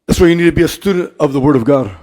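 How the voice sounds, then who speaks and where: A man preaching a bilingual sermon as pastor, repeating phrases and rising to emphatic shouts. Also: fairly high pitch, quick pace.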